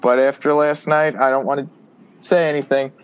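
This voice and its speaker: A man with a mid-range voice co-hosts a sports podcast. He speaks in halting bursts, restarts his sentences and jokes along the way. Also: medium pitch, flat delivery, clear, resonant tone, low-quality recording. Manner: hesitant, joking, halting. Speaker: podcast co-host. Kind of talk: casual sports talk.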